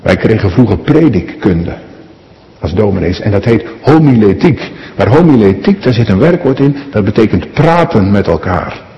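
A male pastor giving a sermon to his congregation, his pitch rising and falling as he speaks. He talks in a conversational way and keeps asking the listeners questions. His voice carries a long echo from the church hall. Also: very animated, normal speed, dark tone, muffled recording, slight background noise.

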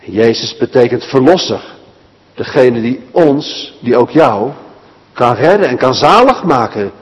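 A man preaching a children's sermon, telling a Bible story in a lively way and speaking directly to the children. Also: mid-range voice, a little slow, breathy edge, big-room sound, poor audio.

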